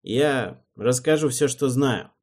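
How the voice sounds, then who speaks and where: A man's voice: medium pitch, a little mellow, voice pushed up. A man doing a cold, cunning advisor. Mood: deliberate. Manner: cold and deliberate.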